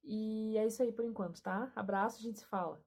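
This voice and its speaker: A woman's voice: fairly high pitch, fairly even intonation, fairly quick, a little mellow. A woman with a Gaúcho Brazilian accent from southern Brazil, teaching a casual lesson and often tagging her sentences with a questioning aside. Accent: Gaúcho Brazilian Portuguese. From Rio Grande do Sul, southern Brazil. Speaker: language teacher.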